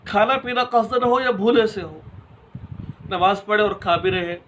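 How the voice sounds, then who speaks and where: High-voiced man teaching a religious lesson. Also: fairly bright tone, a little hiss or hum, low-quality recording. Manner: explains step by step with examples and rhetorical questions; addresses listeners directly and informally.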